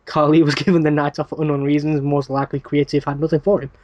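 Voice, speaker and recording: Fast-talking male podcast news reader. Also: on the high side, little pitch movement, dry recording, dull audio. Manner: reads news items quickly with frequent "uh" fillers and dry asides. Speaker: podcast host reading wrestling news. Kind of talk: casual podcast news rundown.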